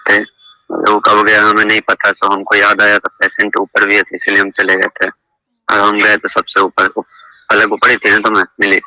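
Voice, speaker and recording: A man's voice: fairly low pitch, monotone, normal speed, pushed and bright, dry recording. A man on a private phone call, insistently coaching the other person on what to say.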